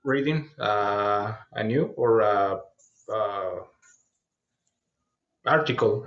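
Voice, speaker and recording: A man in his thirties from Mexico with a Mexican Spanish accent, chatting hesitantly in English with many fillers, heard over a voice call. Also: mid-range voice. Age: 30s. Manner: hesitant, frequent fillers, laughs often. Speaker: language practice partner. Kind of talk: casual conversation practice. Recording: roomy, dull lo-fi app call.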